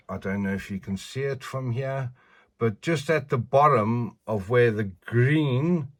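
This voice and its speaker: Slow-talking older man with missing teeth. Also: mid-range voice. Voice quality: toothless speech from missing teeth, slightly slurred consonants. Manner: rambling, chatty, colloquial. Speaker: figure collector presenting a review. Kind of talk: casual unscripted show-and-tell.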